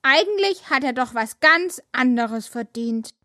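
Whiny little woodworm girl for a kids' audio play, super high and bright. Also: lively intonation, measured pace, dry recording, studio quality, heavily acted. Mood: reflective. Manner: indignant, whiny. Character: young girl woodworm, indignant and lively. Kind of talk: children's audio drama.

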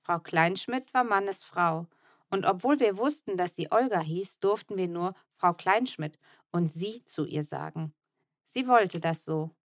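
A woman's voice: on the low side, measured pace, no room sound, clean studio sound. A woman narrating a children's book in the first person, telling the story evenly and tenderly. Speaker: audiobook narrator.

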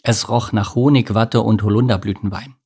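A man reads a children's tale aloud in a measured, expressive telling. His voice has a gravelly, creaky texture. It sounds husky rather than clear. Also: fairly low pitch. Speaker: narrator. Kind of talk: children's storybook narration.

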